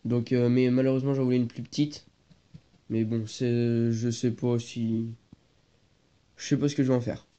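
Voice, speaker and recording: Stuffed up with a cold, a teenage boy talks hesitantly while filming moped repairs for a casual vlog. He has a mellow, medium-pitched, level voice at a moderate pace, pausing often. Phone audio, handheld then propped, comes across dull, noisy, and low-fidelity.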